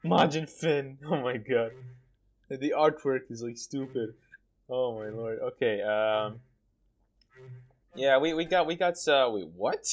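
A man giving casual, excitable gaming commentary, laughing often and cursing mildly. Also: mid-range voice, takes it slowly, long pauses. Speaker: gameplay commentator.

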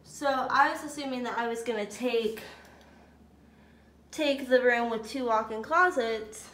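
With a handheld phone camera in hand, a chatty, upbeat woman in her twenties tours her bare-walled, empty new apartment for a casual vlog, repeating "cute little" often. Her voice is fairly high and fairly bright at a measured pace; the empty rooms echo, and there's a faint hiss.

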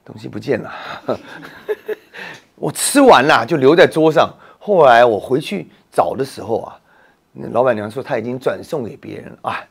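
A man's voice: medium pitch, expressive, normal speed, gravelly, husky. A man laughing while talking in a casual interview chat. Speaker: reality show participant.

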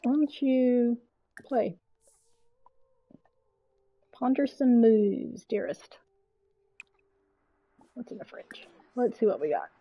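A chatty woman streams a game, coaxing her characters and grumbling with mild swears. Her voice is slightly high and a little breathy, swinging widely up and down. The stream audio sounds dull and lo-fi. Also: lively intonation, slow pace, pauses often, no echo. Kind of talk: casual gameplay commentary.

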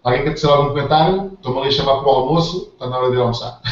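A man's voice: mid-range voice, fast talker, far from the mic, slight background noise. A man with a European Portuguese accent talks earnestly to a group over a video call and keeps checking that everyone is following. His voice sits well back from the mic in a very echoey room. The audio is dull and muffled. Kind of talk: casual group call talk.

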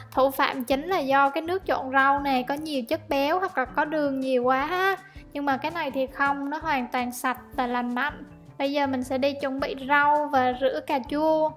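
A young Vietnamese cooking vlogger with a high, bright voice chats warmly through each step of a recipe. She speaks in a friendly, easygoing way from her home kitchen while soft music plays faintly beneath her voice-over.

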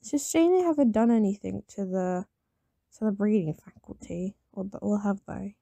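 A woman who has just woken up, with a slightly raspy morning voice, giving casual commentary while playing a game. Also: mid-range voice, moderate pace, dark tone, no room sound. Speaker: gamer narrating gameplay.

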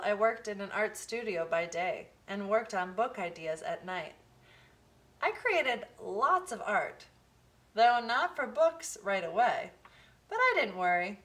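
A woman with a mid-range voice reads a children's picture book aloud. Her phrasing is expressive and deliberate, in the style of a storybook read-aloud for kids.

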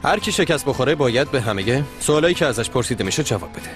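A man's voice: medium pitch, animated, faint music behind, lightly acted. An actor dubbing a brusque, short-tempered young male boss in a TV drama, irritable and sarcastic. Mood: challenging. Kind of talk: dubbed TV drama acting.

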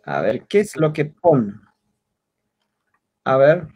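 A man teaching an online language class over a video call, patiently repeating words slowly for his students. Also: medium pitch, sing-song, darkish tone, breathy edge.

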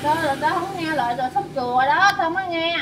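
A drunk woman with a high voice picks a fight, slurring and repeating herself, and she curses as she goes. Her words come out heated and tangled. Loud street and traffic noise fills the background. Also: quick pace. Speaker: drinking companion in a filmed drinking session. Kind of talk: casual quarrel.

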